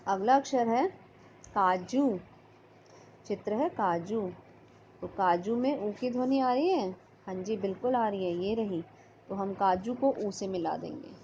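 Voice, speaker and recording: Slow, patient woman teacher. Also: mid-range voice, warm tone, a little hiss or hum. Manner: slow, patient, sounding out letters. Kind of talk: online class lesson. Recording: slightly dull lo-fi audio.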